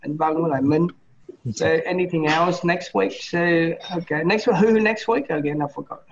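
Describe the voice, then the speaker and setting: Male teacher, slightly high voice, halting casual feedback full of fillers, muffled online-class sound. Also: slight background noise. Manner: hesitant, repeats and restarts words, many fillers.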